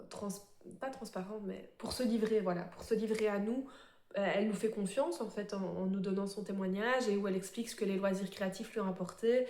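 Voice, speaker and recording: A woman's voice: mid-range voice, a little mellow. Chatty French vlogger woman, echoey room. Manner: chatty, many fillers and self-corrections. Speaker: cross-stitch vlogger. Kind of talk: casual chat to camera.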